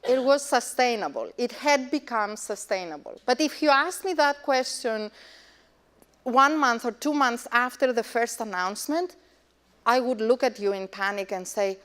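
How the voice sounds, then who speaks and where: A woman speaking as a scientist on a panel, telling an anecdote in an animated way and acting out what she once thought. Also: fairly high pitch, moderate pace, clear, resonant tone. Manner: animated, acts out her past reactions. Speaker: panelist, astrophysicist. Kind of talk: panel discussion, casual storytelling.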